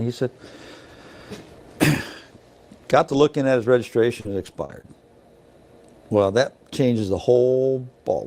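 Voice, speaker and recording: A middle-aged man who inspects trucks at a scale tells a story in casual, folksy fashion, full of "you know" asides. His voice is medium-pitched with a darkish tone.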